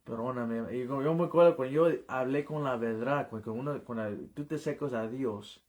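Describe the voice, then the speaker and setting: An earnest man telling his life testimony as an evangelist, his voice sitting at an ordinary middle pitch. He speaks haltingly and often stumbles back over his own words before pushing on. The delivery is plain and heartfelt, like someone recounting it in a conversation. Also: a little mellow. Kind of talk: personal testimony in an interview.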